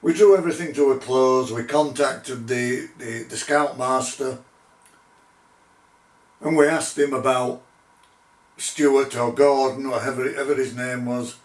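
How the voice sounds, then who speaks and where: A middle-aged man telling his own paranormal investigation story in a measured, deliberate way, with pauses. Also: medium pitch, fairly even intonation. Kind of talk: unscripted spoken storytelling. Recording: roomy echo, distant microphone.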